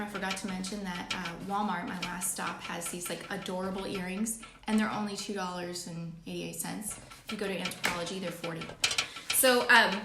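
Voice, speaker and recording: A woman's voice: mid-range voice, reverberant, noisy background. A woman talking to camera as a vlogger and life coach, earnest and heartfelt, sometimes restarting when moved. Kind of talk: casual talk to camera.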